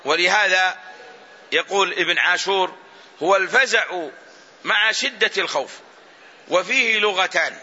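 High, sharp-toned male scholar teaching. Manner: explains each word slowly and repeats phrases to teach. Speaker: Islamic scholar teaching Quran exegesis. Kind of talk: recorded religious lesson. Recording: dull lo-fi recording.

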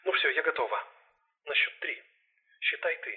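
A rattled young blonde policewoman, voice raised high yet held soft and trembling, as if heard from a step away, with a male narrator acting her out. Her lines come hushed and shaky in this audiobook. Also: lively intonation, fairly quick, phone-quality sound, lightly acted. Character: shaken young blonde female police partner.

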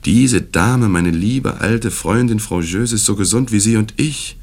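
A man's voice: lowish voice, unhurried, a little mellow, voice pushed up. A man reading the part of a suave, evasive asylum director in a dramatic reading of a classic tale. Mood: insistent. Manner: smooth, insistent, courteous yet brusque when crossed.

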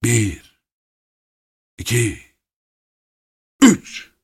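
A man voicing a drunk, brash masked man who bullies and mocks everyone, in a hoarse, booming voice. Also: huge pitch swings, extremely slow, no echo, clean studio sound, full character voice. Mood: mocking. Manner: loud, taunting, jeering.

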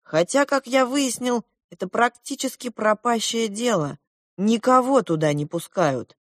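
A woman's voice: a little high, expressive, unhurried, no room sound, studio quality. A woman voicing an earnest young boy prince in a storybook reading. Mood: glum.

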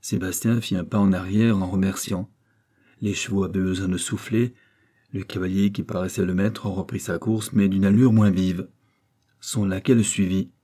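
A man narrating a classic novel as an audiobook, measured and steady. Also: low-pitched, breathy edge.

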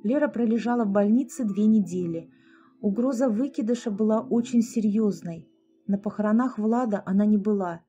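A woman narrating a dramatic story in a calm, measured audiobook reading. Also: medium pitch, muffled recording, soft background music. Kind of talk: scripted narration.

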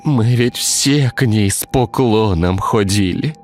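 A man's voice: high-pitched, lively intonation, very slow, a bit bright, soft background music, pitched above the performer's own voice, heavily acted. A man reading a story, voicing a grieving older peasant mother who cries and laments. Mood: resigned. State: crying.

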